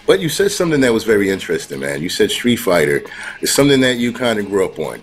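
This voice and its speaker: A middle-aged man hosting a casual interview over a video call with a headset, loose and upbeat, often chiming in with quick agreement. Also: lowish voice, big pitch swings. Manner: upbeat, loose, affirming with 'right, right'. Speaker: host. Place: home room, indoors.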